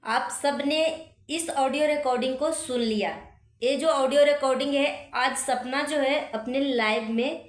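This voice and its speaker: A woman's voice: high-pitched, a little slow, reverberant. A woman vlogger addressing her audience after playing a recording. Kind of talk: vlog commentary.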